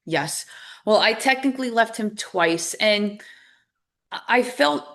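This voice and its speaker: A woman's voice: mid-range voice, animated, takes it slowly, a bit bright. A woman, a guest telling her own story in a podcast interview and acting out both sides of old arguments. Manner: candid, acts out both sides of past conversations. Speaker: guest author and recovery coach.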